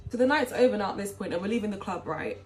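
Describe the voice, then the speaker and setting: A woman's voice: medium pitch, lively intonation, very fast, a little mellow, soft background music. A young woman from England with a London accent, telling a casual storytime and saying 'like' a lot. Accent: London English. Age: young adult.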